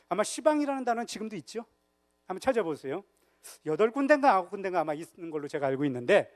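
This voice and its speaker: A man giving a humorous church history lecture at a church retreat, joking and quizzing his audience. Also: fairly high pitch. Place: church hall.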